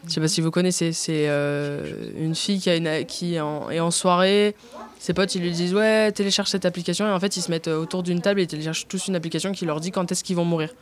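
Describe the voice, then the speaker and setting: A woman's voice: on the low side, fairly even intonation, quick pace. A woman chatting casually as an interview guest, hesitant, with many fillers and restarts. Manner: tacks on "and so on" often. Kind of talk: casual chat.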